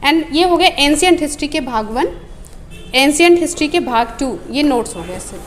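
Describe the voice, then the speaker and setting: A staff member from a coaching institute goes through study notes booklet by booklet, repeating phrases and hesitating often as she explains and lists the material. Her voice is high and expressive at a moderate pace, with a little hiss or hum.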